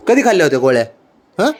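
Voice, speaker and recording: A man's voice: a little high, darkish tone, a little hiss or hum. A man chatting to his pet cat in a coaxing, teasing way, repeating questions and chuckling often. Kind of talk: casual baby-talk to a pet.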